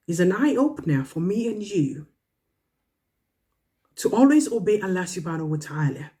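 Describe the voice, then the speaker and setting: A female storyteller with a warm, mid-range voice addresses children, drawing out moral and religious lessons in an earnest, emphatic, instructive way.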